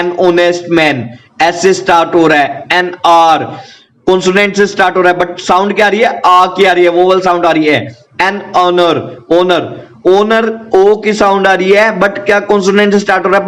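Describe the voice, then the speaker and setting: A man teaching a grammar lesson, who asks the class questions and answers them himself while repeating the key points. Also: sits high.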